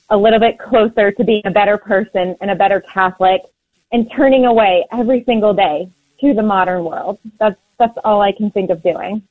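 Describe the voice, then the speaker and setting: A woman's voice: medium pitch, no room sound. An impassioned woman caller speaks earnestly into a call-in radio show. Her voice comes through a tinny phone line. The sound is dry and close, with no room around it. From Maine, USA.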